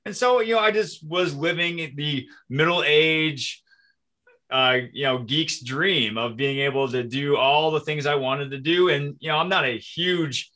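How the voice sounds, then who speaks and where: A man's voice: a little high, a little slow, sharp tone. A man in his forties from Minnesota, a podcast guest telling his story in casual conversation, chatty and self-deprecating.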